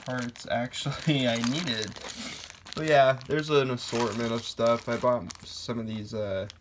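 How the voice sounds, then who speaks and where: This Lego hobby vlogger is a young man with a mid-range voice, hoarse from a sore throat, rambling off-handedly with many fillers as he chats through an unboxing. He's indoors in a room with a wooden floor, filming on a phone camera held over the floor, and the recording has noticeable background noise and crinkling packaging.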